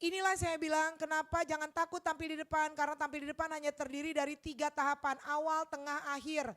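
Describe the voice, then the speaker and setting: A woman lecturing a university auditorium on public speaking, demonstrating voices and shifting loudness for emphasis into a handheld mic. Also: sits high, flat delivery, quick pace. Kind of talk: lively classroom lecture. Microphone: handheld microphone.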